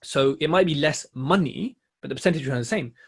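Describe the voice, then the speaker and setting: A man co-hosting a podcast in casual chat, explaining his reasoning step by step in a measured way with many fillers. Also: a little high, breathy edge. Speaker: podcast co-host, property investor.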